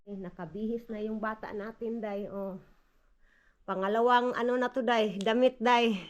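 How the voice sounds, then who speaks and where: A woman's voice: a little high, steady tone, normal speed, lo-fi sound. A Filipino mother with a Visayan accent, chatting casually on a home vlog and cooing to her baby. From Philippines. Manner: chatty, mixes languages, coos at the baby. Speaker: vlogger and mother. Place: family home indoors.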